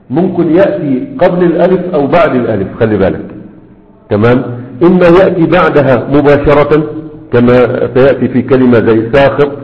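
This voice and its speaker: A man's voice: medium pitch, reverberant, big-room sound, narrow, tinny audio. A man with an Egyptian accent teaching a grammar lesson, checking in with his students again and again as he explains. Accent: Egyptian Arabic. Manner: checks in with students often, repeating questions. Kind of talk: classroom lecture.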